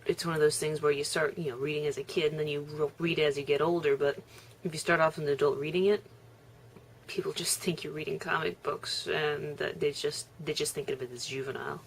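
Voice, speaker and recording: Low-voiced young woman chatting on a vlog. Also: fairly even intonation, a little fast, slight background noise. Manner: chatty, laughing, chewing while talking. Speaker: vlogger. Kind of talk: casual vlog chat.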